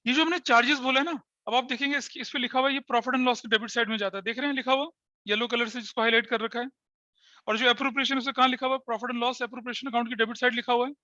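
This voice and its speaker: A man's voice: very high-pitched, fairly even intonation, quick pace, sharp tone, dry recording, dull audio. A man teaching a class step by step, who often asks his students questions and mixes in English terms. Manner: explains step by step with frequent checking questions to students. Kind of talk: classroom lecture.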